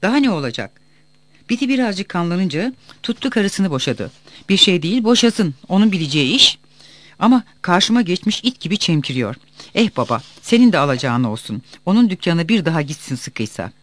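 A man's voice: high-pitched, sing-song, a little fast, fairly bright tone, no room sound. A man voicing a landowner's hot-headed, arrogant son from a novel, blustering and insulting. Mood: angry.

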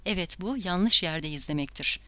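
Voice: medium pitch, normal speed, sharp tone, no echo, close to an everyday voice. A reader voicing a tense, frightened young woman in an audiobook, speaking insistently. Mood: grave.

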